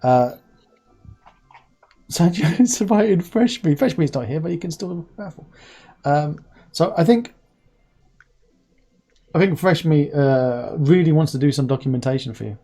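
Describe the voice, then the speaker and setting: A man's voice: fairly high pitch, lively intonation, measured pace, pauses often, mellow. A man in his forties who pronounces his r's as w's, hosting a casual live stream in a chatty, rambling, anecdotal way. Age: 40s. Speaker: host.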